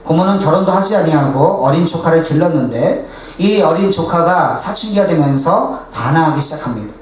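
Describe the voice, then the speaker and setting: High-voiced pastor preaching in an echoey church. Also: male voice, animated, a little fast. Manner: earnest preaching, acts out quoted dialogue. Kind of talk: sermon with storytelling. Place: church sanctuary. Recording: echoey church hall, distant, faint hiss.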